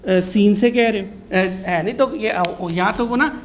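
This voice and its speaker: A man's voice: sits high, unhurried, a little hiss or hum. A man giving a chatty classroom lecture, teasing his students and mixing in English terms. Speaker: teacher.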